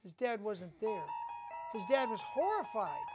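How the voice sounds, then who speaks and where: A man's voice: high-pitched, very animated, measured pace, loud music behind the voice. Indignant ranting male talk host. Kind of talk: opinionated studio talk. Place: studio.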